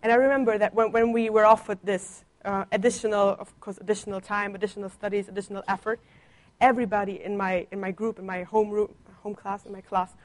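A young German woman, native in Italian and German, talks at a quick pace with a level, medium-pitched voice. Visiting a church on placement as a guest speaker, she gives her personal testimony conversationally, teasing playfully, with a slight cough.

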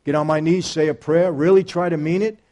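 A man's voice: fairly high pitch, steady tone, brisk. Emphatic man telling his own story. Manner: emphatic, storytelling, talks straight to the audience; swings between hushed and loud. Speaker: speaker giving a faith testimony. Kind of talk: personal testimony talk.

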